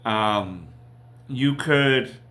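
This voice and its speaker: A man's voice: mid-range voice, fairly bright tone. A man hosting a casual TV episode review, rambling and correcting himself as he recaps. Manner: rambling, slow, with frequent fillers and self-corrections. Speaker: TV review host.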